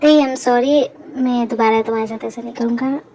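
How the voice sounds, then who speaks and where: A woman voicing a remorseful young man in an amateur fan dub, speaking softly and apologetically. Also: a little high, steady tone, moderate pace, slight background noise, close to an everyday voice, poor audio.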